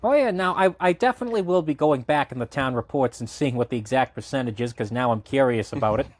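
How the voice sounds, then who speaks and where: Speaking quickly at a medium pitch with no echo, this Massachusetts man in his late twenties chairs a local party committee. As a guest on a casual podcast, he goes on and on, restarting sentences and leaning on fillers.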